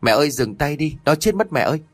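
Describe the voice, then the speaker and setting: A man's voice: on the high side, sing-song, quick pace, no room sound, soft background music, voice pushed up. A man voicing a frightened young noblewoman who pleads tearfully with her mother-in-law. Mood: desperate pleading.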